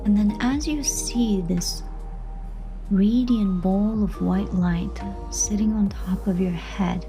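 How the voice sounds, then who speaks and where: Over background music, a woman with a medium-pitched voice guides a meditation gently and without hurry, pausing between short, soothing phrases of instruction.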